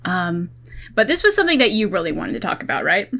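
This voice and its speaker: A woman's voice: mid-range voice, sing-song, very fast, vocal fry, pushed and bright. Giggly young woman co-hosting a podcast. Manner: giggly, self-deprecating, lots of fillers. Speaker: podcast co-host. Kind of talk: casual podcast chat.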